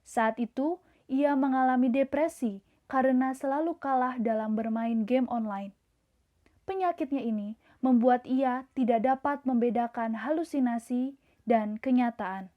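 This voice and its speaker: Woman doing a parody news anchor lady, high voice, formal scripted bulletin reading. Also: measured pace, narrow, tinny audio, close to an everyday voice. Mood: formal, serious. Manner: formal, presentational.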